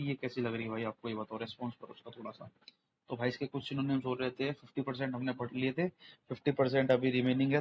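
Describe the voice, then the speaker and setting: A man runs an informal vocabulary lesson, circling back over each word and firing rhetorical questions at the viewer as he builds memory tricks. His voice sits at a middling pitch. The recording is a little dull, with a faint hiss behind it. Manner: chatty, repetitive, quizzes the viewer with rhetorical questions. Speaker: exam tutor, channel host.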